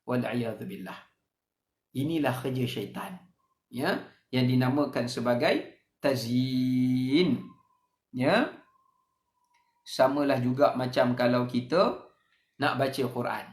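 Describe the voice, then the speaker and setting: A man's voice: medium pitch, takes it slowly, long pauses. A man preaching a sermon earnestly, often checking in with his listeners. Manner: earnest, repeats "tuan-tuan" and "ya?" to the audience. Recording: echoey room.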